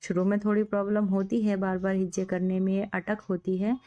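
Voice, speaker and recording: A woman's voice: medium pitch, flat delivery, brisk, warm tone, muffled recording. A woman teaching Urdu reading, patiently spelling out each word letter by letter. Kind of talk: slow spelling-out lesson.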